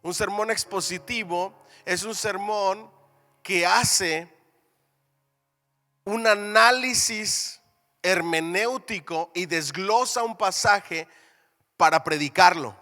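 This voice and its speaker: Emphatic church teacher, bright voice. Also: male voice, high-pitched, takes it slowly, long pauses, long reverb tail. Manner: call-and-response, asks the class to repeat; reads scripture aloud with emphatic rises. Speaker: Bible seminary teacher. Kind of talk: church Bible class teaching. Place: church hall.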